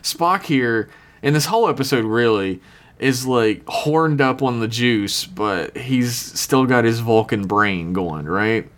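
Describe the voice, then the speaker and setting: A man's voice: mid-range voice, expressive, slow, a bit bright. A man chatting casually as a podcast co-host, joking and swearing freely. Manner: profane, joking. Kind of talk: casual comedic chat.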